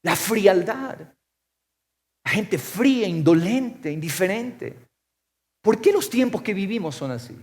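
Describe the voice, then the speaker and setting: A man preaching a sermon as pastor, firing off rhetorical questions and swinging from loud to soft. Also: high voice, expressive, slow pace, pauses often. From Ecuador.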